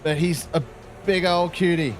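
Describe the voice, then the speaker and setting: A man's voice: on the high side, fairly even intonation, moderate pace, soft background music. Chatty Australian man commentating a race game. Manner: chatty, jokey, peppered with "mate". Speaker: gaming channel host. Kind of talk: casual gameplay commentary.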